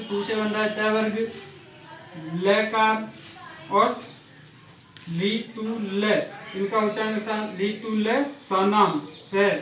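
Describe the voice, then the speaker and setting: A man teaching Sanskrit grammar, methodically repeating exam-style questions and slowly chanting the grammar rules. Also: high voice, a bit bright, reverberant, distant mic, slight background noise. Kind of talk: exam-prep lecture.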